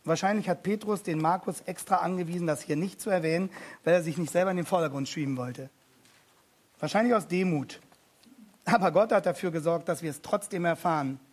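A man preaching a sermon, emphatic and repeating key phrases, swinging between hushed passages and loud appeals. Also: sits high, brisk.

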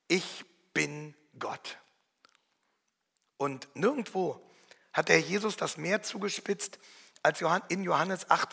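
A male preacher with a high, bright voice and a gravelly edge to it. He delivers his sermon dramatically, rising to loud, ringing calls and dropping to hushed endings. The sound carries the long reverb of a large church hall.

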